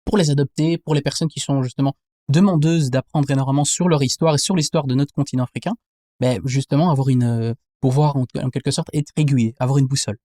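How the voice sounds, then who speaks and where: This interview guest, an anthropologist from Belgium in his 20s, talks fast in a steady, dark, mid-range voice, reflecting thoughtfully and reworking his phrasing as he speaks. The studio-quality recording has no room sound.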